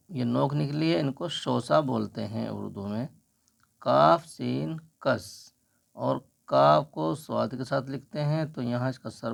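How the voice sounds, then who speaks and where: A man teaching a slow, patient Urdu writing lesson, explaining each stroke as he writes. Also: mid-range voice, creaky.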